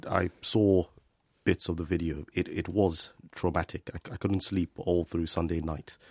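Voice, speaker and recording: Deep, flat-voiced man on radio. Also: no echo, studio quality. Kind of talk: radio discussion.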